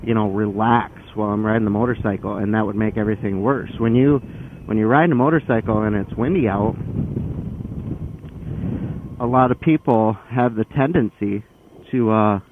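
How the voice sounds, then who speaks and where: A man's voice: on the low side, normal speed. A man talking casually and a bit ramblingly, explaining things in a motorcycle vlog recorded outdoors on the bike. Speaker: motorcycle vlogger. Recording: phone-like band, loud wind and engine noise. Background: loud vehicle and outdoor noise.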